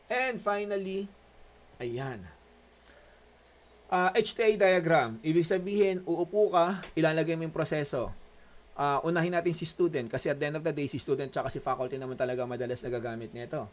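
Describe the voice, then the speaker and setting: A man's voice: a little high, brisk. A man with a Filipino accent giving an online class lecture as a college instructor, joking and chatty as he switches between Tagalog and English. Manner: joking, chatty Taglish teaching.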